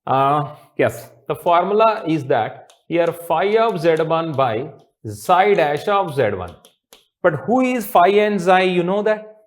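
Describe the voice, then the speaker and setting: Indian-accented male maths teacher, slightly high-pitched. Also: very animated, slow. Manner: repeats phrases, checking in with students. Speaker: mathematics teacher. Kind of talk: lecture at a board. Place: indoor teaching studio with blackboard.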